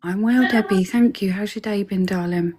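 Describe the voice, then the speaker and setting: A woman chats her way through setting up a live stream from home, her voice husky and a little breathy. She greets viewers one by one and drops to a soft whisper now and then. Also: mid-range voice, moderate pace. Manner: chatty, greets viewers by name, sometimes whispers. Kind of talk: casual live-stream chat.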